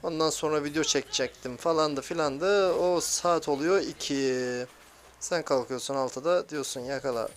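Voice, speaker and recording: A young man giving excitable, grumbling commentary while playing a mobile game, swearing at teammates. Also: on the high side, moderate pace, soft background music. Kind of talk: live gameplay commentary.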